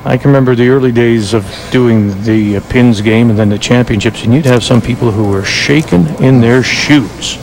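A man's voice: medium pitch, normal speed, few pauses. Chatty man calling bowling on TV. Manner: conversational, chatty asides. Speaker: play-by-play commentator. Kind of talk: sports commentary. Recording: TV broadcast with crowd and noise.

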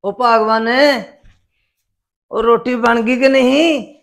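A man's voice: very high-pitched, steady tone, slow, fairly bright tone, full character voice. A man playing a drunken, quarrelsome husband who blusters and threatens his wife over dinner. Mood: demanding. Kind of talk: village short-film acting.

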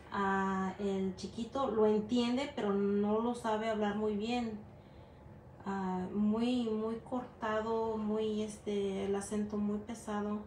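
In a mid-range voice with a darkish tone, a middle-aged Mexican-American woman from the US teaches a casual gelatin art class at an indoor table. She rambles and chats, mixing English into her Spanish and using lots of fillers. The echoey room carries faint ambience and slight background noise.

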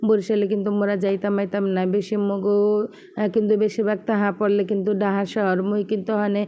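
Woman, Barishal accent, casual home vlog, talks to viewers, fast, level-pitched. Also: little pitch movement, warm tone. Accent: Barishal Bengali. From Bangladesh. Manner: chatty, addresses viewers directly. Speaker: vlogger.

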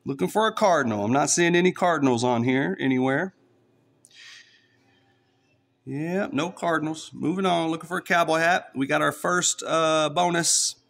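East texas guy scratching tickets, chatty, kinda high voice, talking right to his followers. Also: vocal fry, fairly bright tone. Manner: chatty, talks straight to followers. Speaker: streamer scratching lottery tickets. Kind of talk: casual play-by-play vlog.

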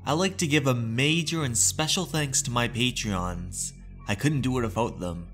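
A man's voice: medium pitch, normal speed, a bit bright, faint music behind. A man working as a storyteller and channel host, narrating and addressing his listeners. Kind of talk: dramatic narration and viewer thanks.

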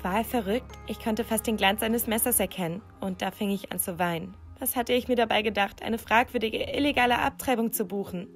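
A woman reading a scripted first-person story aloud, dramatic and emotive, her pitch rising sharply at tense moments. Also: brisk, few pauses, faint music behind.

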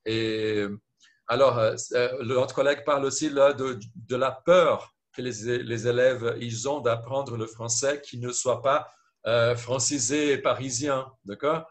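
A man's voice: medium pitch, fairly even intonation, unhurried. A man from Brazil speaking French with a Brazilian Portuguese accent, talking hesitantly on a video call at a panel, often checking in with "d'accord?". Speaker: panelist teacher. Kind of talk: video call round-table talk.

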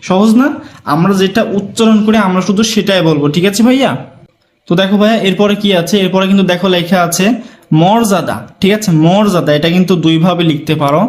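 Male teacher, high voice, patient step-by-step lesson delivery, constantly checks students follow. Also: fast talker. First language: Bengali. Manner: keeps checking in with students, repeating words syllable by syllable. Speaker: Bangla teacher. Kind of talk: spelling and pronunciation lesson.

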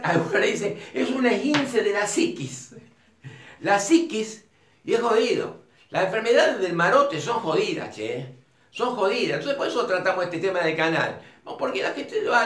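A man's voice: sits high, fairly bright tone, slight background noise. A man with an Argentine Rioplatense accent teaching at a whiteboard, chatty and digressive, with colloquial asides to the viewer. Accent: Argentine Rioplatense Spanish. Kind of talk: informal whiteboard lecture. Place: room with a whiteboard. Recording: echoey room, mic at a distance.

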